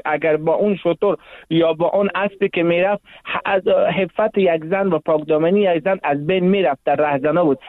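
A man's voice: fairly high pitch, no room sound. A man, a guest on a radio interview, explaining religious law at length in a lecturing way with frequent hesitations. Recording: tinny phone line.

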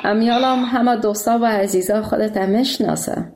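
Afghan woman radio host, higher-pitched voice. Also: fairly even intonation, darkish tone, a little hiss or hum. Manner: courteous, friendly. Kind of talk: conversational radio phone-in hosting.

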